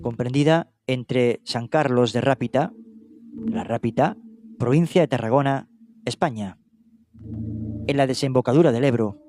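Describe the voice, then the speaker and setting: A man's voice: mid-range voice, unhurried, long pauses, a little mellow. A man narrating a true-crime case in documentary style, reading steadily with small hesitations and self-corrections. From Spain, not Catalonia. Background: music.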